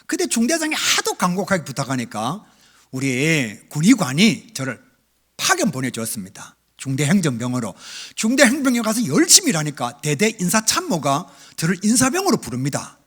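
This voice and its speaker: A middle-aged male pastor preaching a revival sermon, telling his own story with big swings between loud and hushed. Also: on the high side, wildly swooping pitch, a little fast, breathy edge. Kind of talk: revival sermon with personal testimony. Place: church sanctuary.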